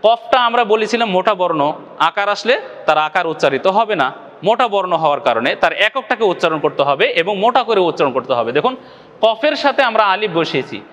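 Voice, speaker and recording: Patient bangladeshi guy teaching recitation, keeps asking if u get it, highish voice, reverb-y room. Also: very animated, fast, a bit bright. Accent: Bangladeshi Bengali. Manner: patient, repeats each point, often asks the viewer if they follow. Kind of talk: video lesson.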